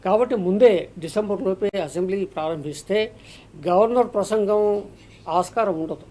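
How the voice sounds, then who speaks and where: A man with a high voice makes his case hard as a commentator on a televised political debate. His tone is dark and mellow in spite of the pitch. He argues emphatically and drops in a story to drive the point home. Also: moderate pace. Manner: emphatic, argumentative, tells parables. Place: TV news studio or remote link.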